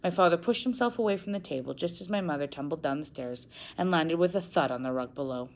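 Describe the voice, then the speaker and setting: A woman narrating a first-person novel in an expressive reading, now and then correcting a slip. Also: deep voice, fast talker. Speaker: audiobook narrator.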